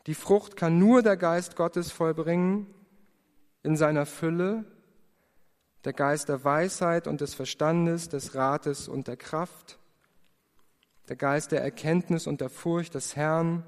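A man giving an earnest personal testimony in a sermon, telling his story with prayerful pauses. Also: a little high, fairly even intonation. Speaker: preacher. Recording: long hall reverb.

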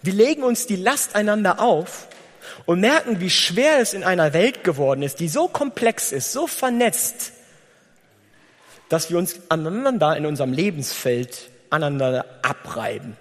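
Lively high-voiced preacher in a reverberant hall. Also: male voice, moderate pace. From Germany. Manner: lively, conversational preaching with acted-out dialogue. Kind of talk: sermon.

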